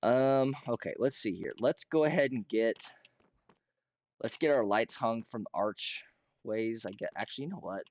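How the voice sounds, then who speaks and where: An American man with a hoarse, rough throat, chatting casually and ramblingly as he hosts a gaming livestream, often clearing his throat. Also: mid-range voice, lively intonation, moderate pace, a little mellow. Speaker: streamer hosting a Minecraft realm.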